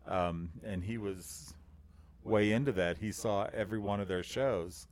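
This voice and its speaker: A man's voice: on the low side, fairly even intonation. A man co-hosting a casual chat podcast, telling a story with many fillers and frequent laughter. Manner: laughs often, halting with fillers. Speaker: podcast co-host.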